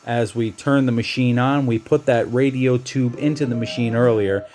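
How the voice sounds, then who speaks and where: A man narrating a retro video game walkthrough in a loose, chatty way. He stumbles and restarts now and then. His voice sits at a middle pitch over faint background game music. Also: fairly even intonation, moderate pace, a little mellow. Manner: casual, chatty, with restarts and slang. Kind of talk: casual game walkthrough commentary.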